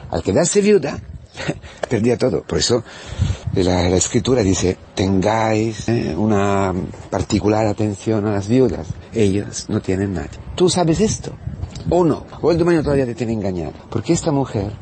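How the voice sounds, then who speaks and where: A priest preaching a sermon in Spanish, swinging between loud outbursts and hushed words and repeating phrases for emphasis. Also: male voice, fairly low pitch, slight background noise. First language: Italian.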